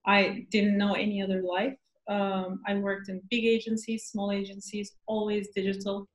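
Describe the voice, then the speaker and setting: A middle-aged woman from Turkey speaks as an interview guest, measured and conversational. Her pitch stays very flat, and the room gives her voice a clear echo.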